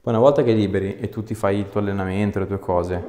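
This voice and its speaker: He talks fast in a low, mellow, steady voice, working as a chiropractor who gives clipped, direct, comforting instructions. The talk covers a hands-on exam and some casual explaining, captured in a small treatment room with noticeable echo.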